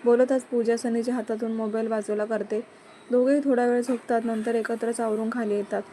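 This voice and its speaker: Female storyteller, slightly high voice, flat and even, measured scripted reading. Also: slight background noise. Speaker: narrator.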